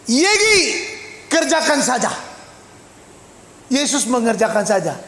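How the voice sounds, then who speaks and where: Man, pastor, very high-pitched, animated sermon, calls out questions to the congregation, bursts of shouting, roomy hall with long echo. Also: moderate pace, slight background noise. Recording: echoey hall with long reverb.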